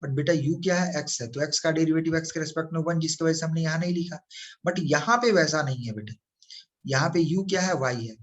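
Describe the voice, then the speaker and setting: A man's voice: a little high, fairly quick. A man teaching a maths lesson. He asks the students questions and answers them himself, calling them "beta". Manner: calls the listener "beta", coaxing.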